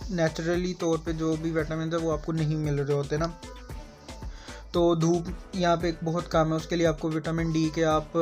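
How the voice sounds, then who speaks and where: A Pakistani-accented man with a somewhat high voice speaks in a casual advice vlog. His delivery stays flat and even as he circles back to his points. Soft music plays faintly behind him. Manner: conversational, repeats himself, rambling asides. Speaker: vlogger.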